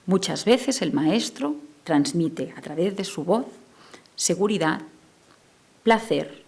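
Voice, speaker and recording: A woman speech therapist, Catalan native, lectures to an audience in a slightly low voice. She drops to a soft, quiet tone at times, then rises into emphatic bursts. The talk comes from a lecture hall. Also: creaky, husky. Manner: expressive, shifts between soft lowered voice and emphatic bursts. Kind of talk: conference talk.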